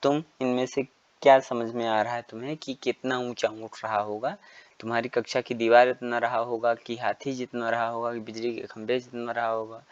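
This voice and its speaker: A man teaching a children's textbook lesson, reading slowly and repeating lines with frequent checks to his young pupils. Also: medium pitch, flat delivery, dry recording. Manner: slow, repetitive reading with frequent filler checks. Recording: dull, lo-fi and dry.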